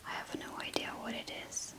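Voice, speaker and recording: A woman doing a soft, breathy whispered role-play, murmuring short step-by-step phrases as an ASMR host. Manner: unhurried, narrating each small hand movement in short phrases.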